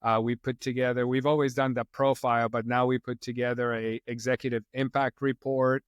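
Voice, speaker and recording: A middle-aged man from Poland talks in a loose, wandering way, dropping plenty of fillers as a podcast guest. His voice is smooth and resonant. The sound is dry and close. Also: mid-range voice, a little fast, dry recording, highs cut off. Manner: relaxed, rambling, frequent "you know" fillers. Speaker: podcast guest, company co-founder. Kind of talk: casual interview chat.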